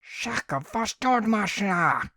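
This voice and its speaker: A man voicing Dod, a stiff, shrill, angry alien. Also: animated, slow, sharp tone, no room sound, studio quality, full character voice. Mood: furious. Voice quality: stiff, clear, high-pitched. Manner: scolding, commanding. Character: angry stiff high-voiced male alien. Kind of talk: audiobook character voice.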